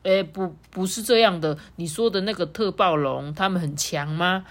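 A woman's voice: on the low side, normal speed, lightly acted. A woman with a Taiwanese Mandarin accent voicing an old male tyrannosaurus who talks in a hesitant, stammering way. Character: old male tyrannosaurus, gruff but softening.

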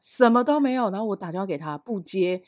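A woman with a Taiwanese Mandarin accent co-hosting a podcast. She tells a story about a coworker in a casual, animated and indignant way. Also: medium pitch, fast, no room sound, clean studio sound. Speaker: podcast co-host. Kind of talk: casual chat.

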